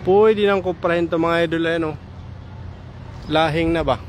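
On a daytime walk through a park by a pond, a man from Samar, Philippines, vlogs casually on his phone. His voice is on the high side and his pace normal; there's slight background noise as he excitedly chats with viewers and calls them "idol."

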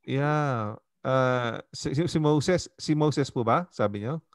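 Filipino pastor teaching a casual Bible study. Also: male voice, medium pitch, slow pace, no room sound. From Philippines. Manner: conversational, mixing in English, keeps asking "di ba?".

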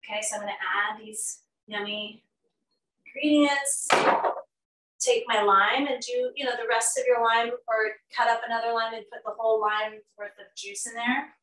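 A middle-aged woman, a nutrition educator, hosts a live cooking class from her home kitchen, chatting upbeat with lots of fillers as she hurries around the stove. Her voice sits on the high side, a bit bright, with fairly even intonation at a normal speed. A laptop or fixed camera across the room picks up roomy, distant kitchen sound with a little hiss or hum.

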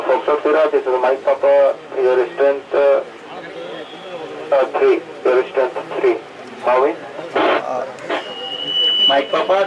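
Guy on a two-way radio, clipped call signs, mid pitch, sounds far off the mic. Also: highs cut off. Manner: clipped call-sign radio talk with pauses. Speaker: radio training instructor. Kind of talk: radio call procedure drill.

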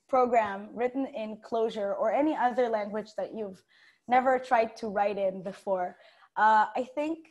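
The young developer's voice now sits at medium pitch with a darkish tone. Presenting her conference talk over video call from an indoor room with bookshelves, she stays informal, chatty, giggly, and self-deprecating.

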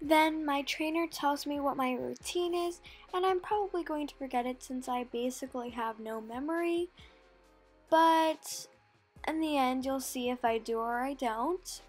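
Brief: female vlog narrator, high and chatty, rambling, soft music underneath. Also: a little slow. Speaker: vlogger narrating her riding lesson. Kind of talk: casual voice-over narration.

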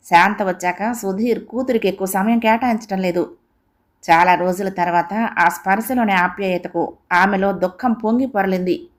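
A woman's voice: mid-range voice, normal speed. Woman narrating a family story. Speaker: audiobook narrator.

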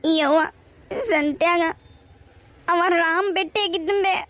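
Woman as a tearful young cartoon villager, North Karnataka accent, plaintive and very high. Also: takes it slowly, fairly bright tone, no echo, exaggerated voice. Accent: North Karnataka Kannada. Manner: weepy, plaintive. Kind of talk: cartoon voice acting.

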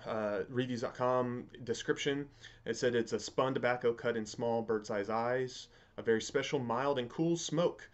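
A man in his thirties talking casually to camera as a reviewer, halting and repeating words as he thinks aloud. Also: mid-range voice, dull audio. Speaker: pipe tobacco reviewer. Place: indoors, home study with bookshelves.

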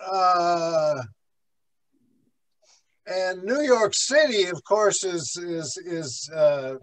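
A man with a high voice teaches a church class at an unhurried pace. He talks like a pastor leading a Bible study, conversational and meandering, full of fillers and side stories. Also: low-quality recording. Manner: slow, rambling, with many fillers and asides.

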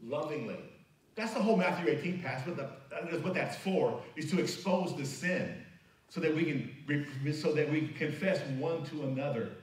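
A man's voice: on the high side, lively intonation, moderate pace. A man preaching a sermon as pastor, emphatic and conversational. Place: church sanctuary. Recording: very echoey church hall, mic at a distance.

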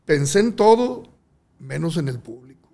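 A man tells a casual anecdote as a talk show guest, with a slightly raised voice. His tone is gravelly and creaky. He talks in a lively, slangy storyteller's manner. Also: a little high, normal speed. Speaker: guest singer.

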